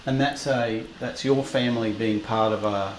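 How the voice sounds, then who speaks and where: A man's voice: on the low side, fairly even intonation, moderate pace, a loud crowd. A man interviewing a guest, mostly offering brief prompts and affirmations. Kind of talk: casual interview. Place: outdoors at the back of a house, rainy day. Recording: roomy with faint noise.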